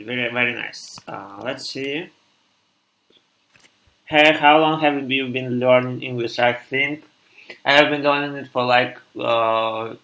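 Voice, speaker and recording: A young man in his twenties from Russia with a Russian accent, thinking aloud haltingly as he codes on a live stream and answers chat. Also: mid-range voice, a bit bright, roomy sound, poor audio. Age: 20s. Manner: halting, thinks aloud with many pauses and restarts.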